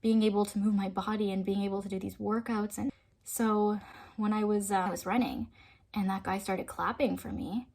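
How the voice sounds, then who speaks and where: A woman with a husky, breathy voice and a gravelly fry at the ends of her phrases. She tells a personal story in an earnest, emotional vlog manner and often sinks into a soft hush. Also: medium pitch, steady tone, moderate pace. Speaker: fitness vlogger.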